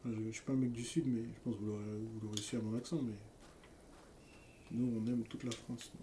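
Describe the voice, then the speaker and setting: A man casually commentating his gameplay, reading game text aloud in street slang, with sudden loud shouts of excitement. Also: on the low side, fairly quick, a little hiss or hum. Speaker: let's play gamer.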